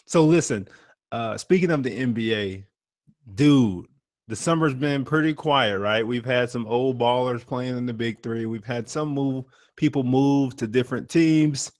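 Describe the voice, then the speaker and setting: A man co-hosting a podcast, talking sports in an animated, slangy, joking way. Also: mid-range voice, unhurried, dry recording, studio quality. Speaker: podcast co-host. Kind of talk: casual chat about sports.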